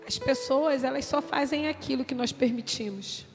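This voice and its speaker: In a reverberant church hall with music playing, a pastor's wife from Brazil speaks her testimony with intense emotion, acting out quotes in her Brazilian Portuguese accent. Her voice is high and her pace moderate.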